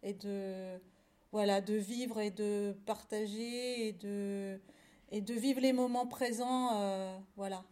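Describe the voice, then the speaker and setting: A woman chatting enthusiastically about children's picture books, then reading one aloud with expressive storytelling. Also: mid-range voice, slow pace. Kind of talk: casual chat and reading a picture book aloud.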